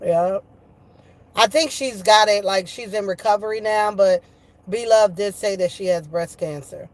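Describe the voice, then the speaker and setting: A woman streams live and chats with viewers casually, using slang, profanity, and gossip, and she often repeats phrases for emphasis. Her voice is mid-range and a little slow.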